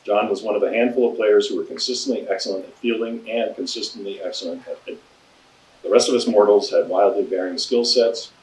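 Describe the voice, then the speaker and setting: A man reading a letter aloud at a memorial service, steady with laughing asides. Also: fairly low pitch, fairly quick, echoey room, far from the mic, rough recording. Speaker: reader at memorial.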